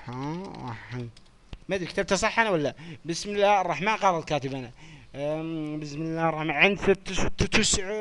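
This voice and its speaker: A young man hosting a joking quiz on a live chat stream, teasing the players in quick banter. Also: on the high side. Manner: teasing, swears oaths, rapid banter with participants.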